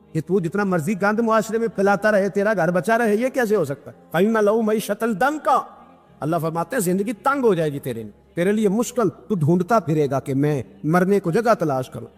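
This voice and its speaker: A man preaching an impassioned sermon, telling stories and acting out the quoted voices with sudden leaps upward in pitch. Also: expressive, in a large hall, faint music behind. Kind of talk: Urdu sermon with storytelling.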